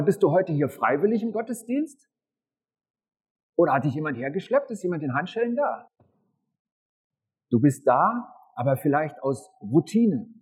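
Lively husky-voiced man preaching. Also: low-quality recording. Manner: lively, animated preaching with dramatic pitch swings. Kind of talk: children's-style sermon with a prop window. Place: church service.

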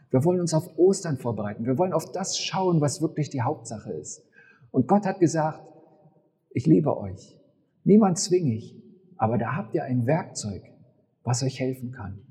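Preacher, man, husky and mellow, animated storyteller, church-hall echo. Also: a little high. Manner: animated storytelling, acting out the figures' lines. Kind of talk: sermon.

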